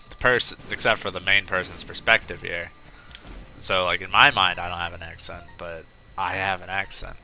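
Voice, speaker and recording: A man with a deep, bright, forceful voice hosts a let's play. He chats casually while he plays and rambles off into off-topic asides.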